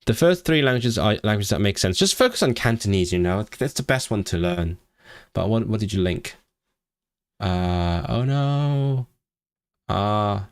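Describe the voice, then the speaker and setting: A man from Hong Kong speaks with a vague non-southern English accent in a somewhat low voice. He chats on a livestream, reading out comments and rambling through his thoughts, restarting words and leaping up in pitch when something excites him. The sound is close and dry, with no room echo. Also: unhurried, smooth. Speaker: language-learning streamer.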